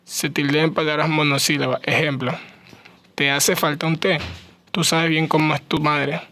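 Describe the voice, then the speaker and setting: A man's voice: a little high, level tone, moderate pace, pushed and bright, dry recording. A young man, a student, reading a class presentation aloud, going carefully through lists of words. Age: young adult.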